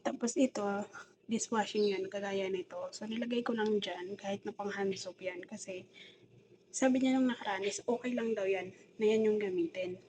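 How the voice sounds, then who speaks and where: A woman's voice: mid-range voice, moderate pace, background noise. A woman with a Filipino accent telling a rambling, aggrieved story in a casual vlog, mixing English words into her talk. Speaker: domestic helper vlogger.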